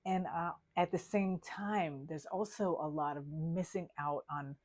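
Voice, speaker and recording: A woman's voice: low voice, a little slow, darkish tone. A woman in her fifties, raised in Denmark, co-hosting a podcast in casual, reflective chat and laughing often. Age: 50s. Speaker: podcast co-host, therapist.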